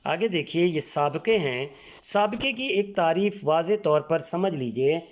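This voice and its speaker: A man's voice: fairly high pitch, expressive. Patient male teacher spelling out words. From Pakistan. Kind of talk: Urdu textbook exercise lesson.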